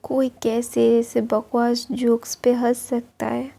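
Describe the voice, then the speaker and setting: A woman with a sore throat reading the lines of a blunt, teasing young male student in her own slow, strained voice. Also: a little high, level tone, vocal fry, dark tone, exaggerated voice. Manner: slow, strained storytelling read.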